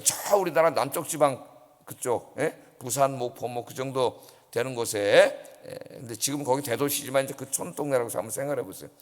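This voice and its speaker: Male pastor, animated storyteller, reverberant sanctuary. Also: a little high. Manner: animated storytelling, acts out quoted voices, asks the congregation questions. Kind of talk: early-morning sermon. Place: church sanctuary. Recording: long church hall reverb.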